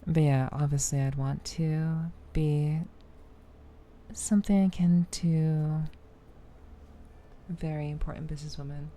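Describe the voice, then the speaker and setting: A playful, teasing woman streamer chatting casually while gaming, soft-spoken and often dropping toward a whisper. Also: sits low, steady tone, unhurried, pauses often. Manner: playful, teasing gamer girl. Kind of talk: casual live-stream chat.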